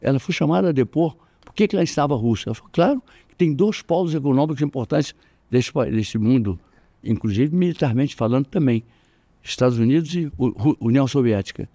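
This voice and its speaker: An older man with a Brazilian accent, a jiu-jitsu master telling animated stories in an interview, jumping up in pitch when he quotes people. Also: fairly quick, dry recording. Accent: Brazilian Portuguese. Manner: animated, acts out quoted voices with jumps in pitch. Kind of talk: storytelling in casual interview.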